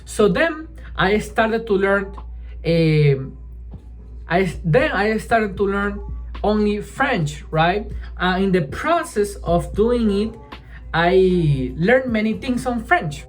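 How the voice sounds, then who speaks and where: Over soft background music, a native Spanish speaker chats casually to the camera as a language-learning vlogger, her medium-pitched voice expressive. She frequently halts and restarts and adds "right?" to the ends of sentences.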